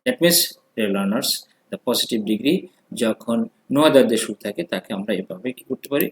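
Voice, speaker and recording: In an echoey room, a male English teacher leads a grammar lesson in class, moving between two languages and frequently answering his own questions. He speaks unhurriedly and animatedly at a medium pitch.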